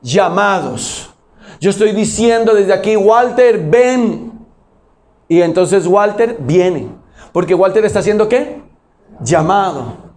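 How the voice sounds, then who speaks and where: A man's voice: high voice, expressive, measured pace, darkish tone. A man, preaching a sermon as pastor in a church auditorium, emphatic and full of rhetorical questions.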